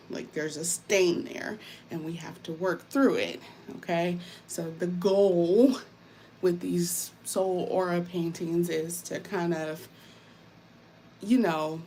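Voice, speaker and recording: A warm, welcoming woman chats casually as a live-stream host. Her voice sits fairly low and has a crackly fry in it. She takes an unhurried pace and often repeats phrases, with faint noise behind her. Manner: warm, welcoming, greets viewers by name; informal, repeats phrases for emphasis. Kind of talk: casual live-stream chat while painting.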